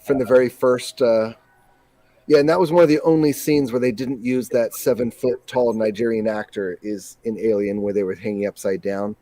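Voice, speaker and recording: Dry-sounding podcast host, detail-minded. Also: male voice, mid-range voice, steady tone, moderate pace, warm tone, no echo. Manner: enthusiastic, detail-focused, laughs easily. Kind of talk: casual chat.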